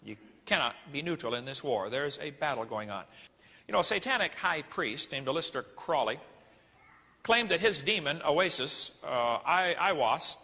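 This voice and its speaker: A man's voice: fairly high pitch, sing-song, moderate pace, bright, forceful tone, in a large hall. A middle-aged man giving a lecture-style sermon, preachy and folksy, firing off rhetorical questions. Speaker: creationist ministry speaker.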